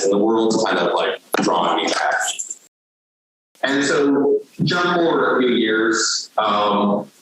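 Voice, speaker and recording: A man's voice: on the low side, fairly bright tone, slight background noise. Lecturing man in an echoey hall. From Vermont. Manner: loose and conversational, many "like" and "um" fillers. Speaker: painter giving a lecture. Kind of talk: casual lecture. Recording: very echoey hall, heard from far off.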